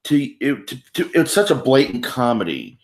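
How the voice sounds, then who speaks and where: A man's voice: medium pitch, wildly swooping pitch, moderate pace, a crowd in the background. A man co-hosting a live stream chat, talking casually and rambling a bit, sounding tired. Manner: rambling, self-interrupting. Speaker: co-host of a live stream discussion.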